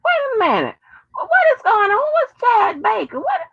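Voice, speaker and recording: A very high-pitched American woman with huge pitch swings speaks at normal speed, her tone a bit bright, the recording dry but dull and lo-fi. Hosting, she chats casually and profanely with viewers and on the phone, stretching exclamations and using folksy address.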